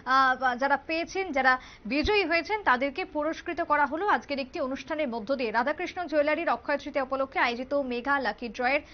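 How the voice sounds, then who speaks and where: A young woman presenting live television news, pausing now and then as she goes. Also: high voice. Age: young adult. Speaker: news anchor. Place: TV news studio. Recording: slightly dull, lo-fi broadcast audio.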